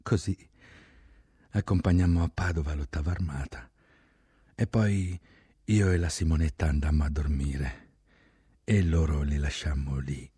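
Deep husky male narrator. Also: fairly even intonation, mellow, no echo, clean studio sound. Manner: slow, reflective, drops to a near whisper. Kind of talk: literary reading of a war memoir.

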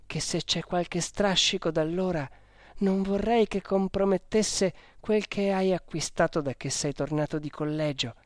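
A reader voicing a hushed, worried mother. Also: mid-range voice, unhurried, dry recording, clean studio sound, pitched above the performer's own voice, natural voice. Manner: hushed, anxious warning tone. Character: worried mother, middle-aged woman.

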